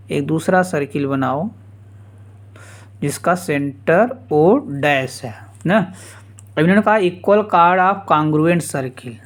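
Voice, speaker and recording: A man teaching a geometry lesson informally, repeating steps slowly and dropping casual asides. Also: on the high side. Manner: slow, repetitive explaining with casual asides. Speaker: math teacher.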